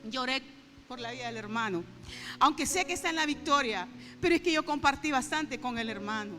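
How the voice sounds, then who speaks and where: A woman's voice: high voice, lively intonation, brisk, pushed and bright. A middle-aged woman preaching an earnest, conversational sermon in church, speaking straight to the congregation and slipping into fervent prayer. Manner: earnest, addresses the congregation directly; emotional, breaks into fervent prayer. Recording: reverberant church hall with faint instrumental music.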